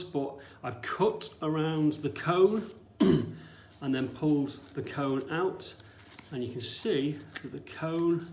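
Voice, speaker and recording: A man leads a hands-on science demonstration indoors, explaining things informally and frequently checking with short questions that listeners are keeping up. His voice is on the high side and a little mellow, and the echoey room has faint background noise.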